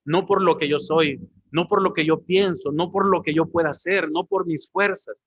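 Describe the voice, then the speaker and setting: A man preaches a sermon, speaking to his congregation as brothers. His voice sits a little high for a man. The recording is dry and a bit dull. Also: steady tone, moderate pace, fairly bright tone, dry recording. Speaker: pastor.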